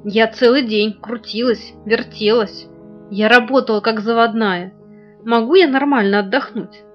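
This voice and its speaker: A woman voicing a restless female spinning-top toy in a storybook reading, loud and excited, on a dull lo-fi recording with faint guitar. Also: on the high side, unhurried, lightly acted. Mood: indignant.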